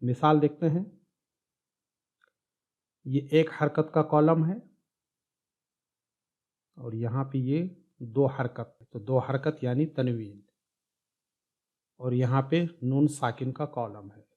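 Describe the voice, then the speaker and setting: A man giving a step-by-step Arabic grammar lesson, slowly drilling syllables one at a time. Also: medium pitch, highs cut off. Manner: slow, drawn-out syllable drills. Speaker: Arabic teacher.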